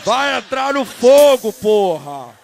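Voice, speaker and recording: A hoarse man from Brazil, performing as a funk MC and chanting rhythmically over a beat, calling out to the DJ. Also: very high voice, slow. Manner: rhythmic chanting, calls out to the DJ and crowd. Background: funk beat playing.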